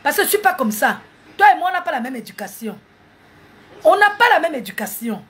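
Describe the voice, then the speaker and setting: A woman's voice: high-pitched, very animated, fairly quick. A woman, mocking and scolding viewers in a heated live stream on her phone. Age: 40s.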